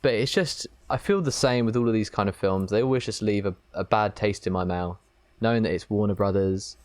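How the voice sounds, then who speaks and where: A man from England co-hosts a casual film podcast and talks in a relaxed way, slipping in dry jokes. His voice sits low for a man. The recording is close and dead, with no room sound. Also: brisk, dry recording. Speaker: podcast co-host.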